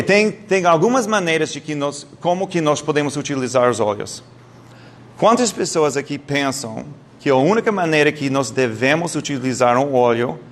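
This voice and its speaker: A man's voice: mid-range voice, a little hiss or hum. Man lecturing a live audience. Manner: lively storytelling, quizzes the audience, occasional non-native slips.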